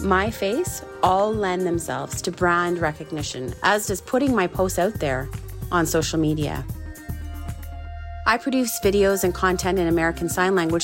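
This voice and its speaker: A woman giving a first-person voice-over interpretation of a signer's words, in a calm, measured delivery. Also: on the low side. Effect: interpreter's voice-over translating sign language. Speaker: sign language interpreter.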